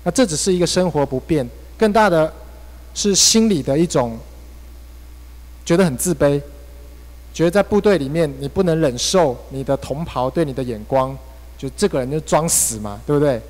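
A male pastor with a Taiwanese Mandarin accent tells a personal story in his sermon, his expressive delivery moving between hushed and emphatic at normal speed. His voice is a little high for a man, and the church hall leaves a long, lingering reverb.

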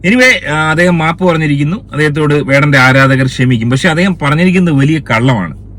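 A man's voice: on the high side, lively intonation, brisk, fairly bright tone. A man hosting a commentary video, scolding and indignant, firing rhetorical questions in a heated opinion rant. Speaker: commentary channel host.

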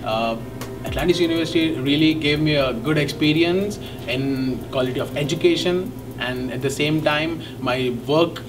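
Rambling young Indian man, distant mic. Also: a little high. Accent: Indian English. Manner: rambling, halting, many fillers. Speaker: graduate student. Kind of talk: testimonial interview. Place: indoor studio set. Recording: distant mic, background music.

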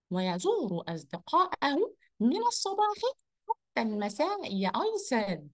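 Brief: woman playing a chirpy boy rabbit, high, sing-song lilt, a children's lesson. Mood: storytelling. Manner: lively, upbeat, speaks to children. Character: cheerful energetic male rabbit storyteller. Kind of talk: children's online lesson role-play.

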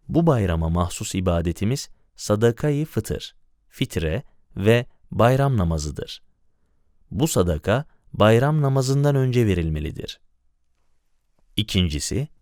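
A man reading a religious handbook aloud as an audiobook narrator, in a measured, formal manner. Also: lowish voice, darkish tone, no room sound, clean studio sound.

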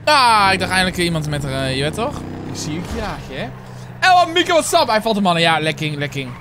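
Brief: twenties Dutch streamer, animated and high-pitched, casual slang and swearing. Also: male voice, fairly quick, noisy background. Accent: Netherlands Dutch. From Netherlands. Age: 20s. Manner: chatty, slangy, swears often, talks to viewers. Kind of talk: casual game roleplay commentary.

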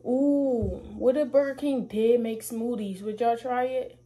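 A woman's voice: a little high, fairly even intonation, a little slow, warm tone, breathy edge, no echo. A 21-year-old woman from Ohio, a vlogger casually chatting to her viewers in a slangy, talkative way, at work and in her car. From Ohio, USA. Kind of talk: casual vlog chat to viewers.

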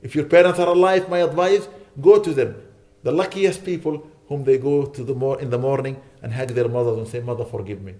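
A man's voice: medium pitch, steady tone, a little fast, few pauses, dark tone. A man delivering a sermon as a sheikh, urging his listeners with repeated rhetorical questions. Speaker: sheikh giving a lecture. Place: lecture hall.

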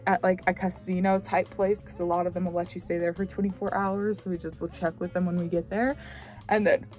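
A woman's voice: medium pitch, darkish tone. A young woman in her twenties chatting casually to the camera from inside her RV, rambling with lots of fillers. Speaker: vlogger. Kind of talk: casual vlog chat.

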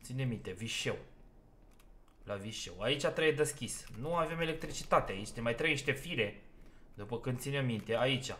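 A man's voice: mid-range voice, lively intonation, a bit bright, a little hiss or hum. A man giving let's play commentary on a horror game, talking himself through each step and getting easily exasperated. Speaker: gaming YouTuber.

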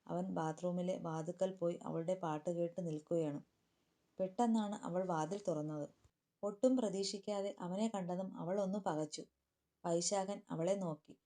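A woman's voice: fairly low pitch, warm tone. A woman narrating a family story, voicing each character's lines herself. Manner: reads all characters' lines in her own voice, lifting slightly for quotes.

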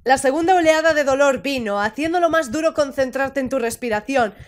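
A woman hosting a gaming video, reading a visual novel aloud and reacting excitedly with laughs, curses and bursts of English. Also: sits high, a little fast. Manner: excitable, laughs often, swears and switches into English. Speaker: gaming channel host. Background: faint game music.

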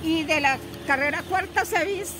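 Interviewed outdoors amid the traffic and noise of a busy town street, a middle-aged local woman from Colombia lays out her grievances with indignation and plenty of detail, gesturing while speaking. She talks at a normal speed in a very high voice.

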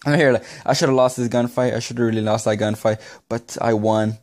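A young man narrating his own gameplay clip, excitable and rambling, repeating himself as he talks. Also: mid-range voice, brisk. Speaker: gaming YouTuber. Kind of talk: gameplay commentary voice-over.

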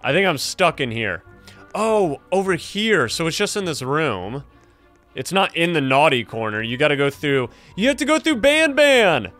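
A young adult man hosting gameplay commentary in an animated, exclaiming way, close on a streaming mic. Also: on the high side, normal speed, faint music behind. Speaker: gaming video host, streamer.

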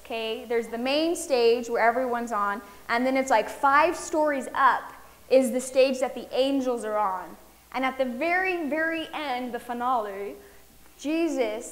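Young woman, slightly high voice, informal inspirational speaker who keeps checking in with the crowd. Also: slight background noise, low-quality recording. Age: young adult. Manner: chatty, checks in with audience. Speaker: youth speaker. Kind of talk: inspirational talk with personal story.

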